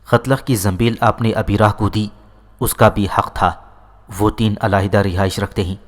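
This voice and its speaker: A man with a low voice reading the lines of a young woman who speaks to her mother-in-law earnestly and affectionately. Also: steady tone, lightly acted. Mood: earnest, tender.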